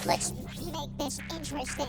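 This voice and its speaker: A man using a voice changer that turns his voice into a high chipmunk squeak to voice a game boss. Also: fairly even intonation, normal speed, over music. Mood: mock menacing. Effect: voice changer pitching the voice way up, chipmunk-like.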